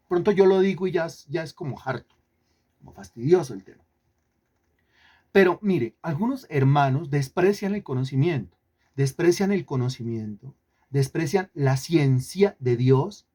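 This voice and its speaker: Repetitive preacher man, slow stressed words. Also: on the high side, darkish tone, slightly rough. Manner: repetitive, rhetorical questions to the congregation; stretches key words slowly for emphasis. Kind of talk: sermon teaching.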